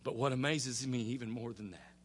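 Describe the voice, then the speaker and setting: A pastor preaching a sermon, stumbling over repeated words and climbing to fervent emphasis. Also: male voice, mid-range voice, brisk, a little hiss or hum.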